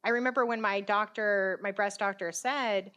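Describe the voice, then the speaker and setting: A woman in her fifties, a podcast guest and therapist, telling her story in a casual, animated way, acting out the voices of the people she quotes and laughing often. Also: mid-range voice, moderate pace, clear, resonant tone.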